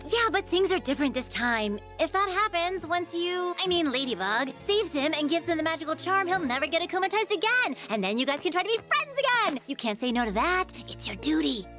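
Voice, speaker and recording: A woman's voice: very high voice, sing-song, a little fast, few pauses. A woman voicing a confident, persuasive teenage best friend in a cartoon, assertive and teasing. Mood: firm, persuasive. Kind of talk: animated cartoon dub acting. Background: background music.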